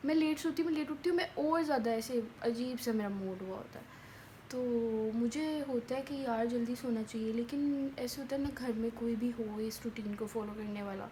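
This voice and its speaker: A young woman with a hoarse, sore throat, chatting self-mockingly into a phone held at arm's length at home. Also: on the high side, moderate pace, dark tone, slight background noise. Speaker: vlogger. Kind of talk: casual vlog chat. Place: home, partly on a rooftop.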